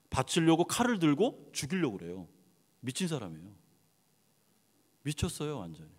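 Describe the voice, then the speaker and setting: Guy preaching, high lively voice, acts out little dialogues, big church echo. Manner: animated, acts out dialogues with God, swings from hushed to loud. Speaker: pastor. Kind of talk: sermon. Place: church sanctuary.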